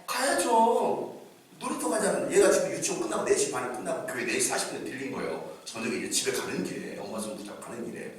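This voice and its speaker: A man's voice: mid-range voice, huge pitch swings, quick pace. A middle-aged male pastor telling a story in a revival sermon, acting out the voices of the people in it. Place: church sanctuary. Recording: echoey church hall from far off.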